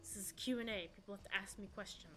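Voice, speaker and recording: A woman's voice: medium pitch, fairly even intonation, fast, music in the background. A woman in her thirties chatting casually on a live stream, answering viewers in a rambling, chatty way. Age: 30s. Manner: chatty, rambling, reading chat aloud.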